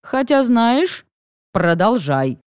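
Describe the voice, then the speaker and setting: A woman's voice: a little high, big pitch swings, takes it slowly, darkish tone, no echo, clean studio sound, pitched above the performer's own voice. A woman reading a cheeky young dragon. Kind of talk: audiobook reading.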